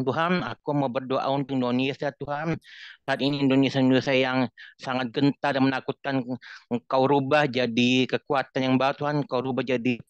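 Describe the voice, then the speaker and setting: Guy praying hard on a zoom call, says lord every other line, smooth voice but muffled dull audio. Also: medium pitch, dry recording. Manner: repeats "Tuhan" after nearly every phrase, pleading tone. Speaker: congregation member leading intercession. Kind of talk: fervent spontaneous prayer. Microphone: online video call.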